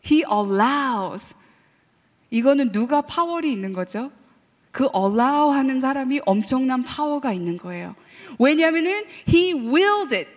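A woman professor giving a lively sermon-style talk to a church audience, mixing English phrases into her speech and asking the audience questions. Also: high-pitched. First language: Korean heritage, also fluent in English. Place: church hall. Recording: long reverb of a large hall.

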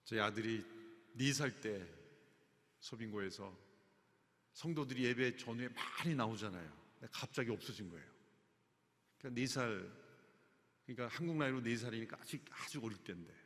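A man preaching a sermon as pastor, animated and acting out quoted lines. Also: medium pitch, moderate pace, long pauses. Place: church sanctuary. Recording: long hall reverb.

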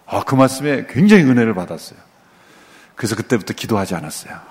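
A man's voice: medium pitch, fast, slight background noise. Korean pastor guy preaching, voice jumps up and down a lot, big churchy reverb. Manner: animated preaching with rhetorical questions to the congregation. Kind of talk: sermon. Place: church sanctuary. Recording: long reverb of a large church hall.

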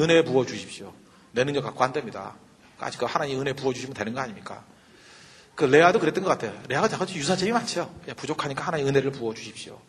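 A man who is a pastor, giving a humorous sermon-style lecture, animated and joking, full of rhetorical questions. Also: on the high side, big-room sound, background noise.

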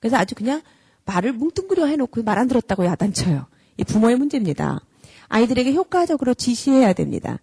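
Earnest higher-voiced woman lecturing parents. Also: fast talker, creaky, husky, dry recording. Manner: earnest, emphatic and direct; acts out scolding parents in lively mimicry. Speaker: parenting educator and head of a character school.

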